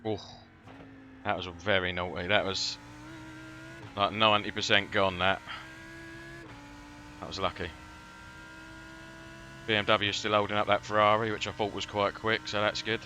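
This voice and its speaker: Low, even-toned man, bright edge. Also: moderate pace, pauses often, slight background noise. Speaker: sim racing driver streaming. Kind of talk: casual commentary while driving.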